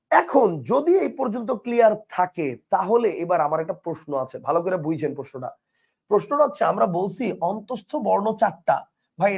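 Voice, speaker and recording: High-voiced man teaching grammar. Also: darkish tone. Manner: explains step by step, repeats key words, asks rhetorical questions. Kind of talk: online grammar lesson.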